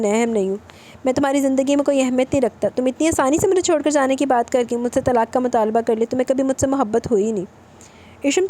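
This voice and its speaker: A brooding young husband pleads his case in a romance audiobook, as a woman reading aloud voices him. He lectures earnestly and insistently, in a fairly high, mellow voice. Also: close to an everyday voice.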